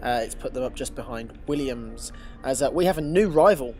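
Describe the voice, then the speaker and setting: A young man with a blocked-up nose hosts a gaming channel, giving eager commentary on a racing game in a medium-pitched voice with faint music behind him. His eagerness rises to excitement on the fast laps.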